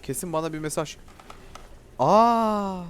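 A young man hosting a gaming channel, giving excitable, slangy commentary with casual swearing while he talks back to the game characters. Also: mid-range voice, brisk, background noise. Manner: reads on-screen dialogue aloud.

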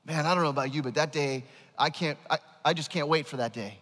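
Speaking fast, this man in his thirties delivers an emphatic sermon as a pastor on a big church stage, wearing a headset mic. His voice is on the high side and somewhat bright, and long reverb fills the large hall.

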